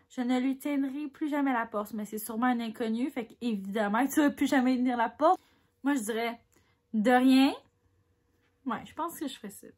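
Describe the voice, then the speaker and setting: A woman with a Québécois French accent chatting casually as she reads quiz questions aloud and answers them candidly. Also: sits high. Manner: chatty and candid, reads each question louder then mulls over answers with little laughs.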